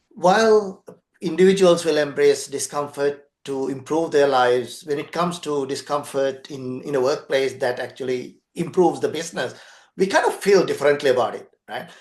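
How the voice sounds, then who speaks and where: Earnest stammering man, echoey room. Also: mid-range voice. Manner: earnest, repeats words, often ends with "right?". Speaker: podcast co-host, transformation consultant. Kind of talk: conversational business podcast discussion.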